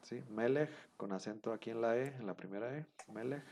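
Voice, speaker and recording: A man's voice: medium pitch, fairly quick, a little mellow. A man teaching a class, patiently repeating the rules with many fillers. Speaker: Hebrew teacher. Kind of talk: online class explanation.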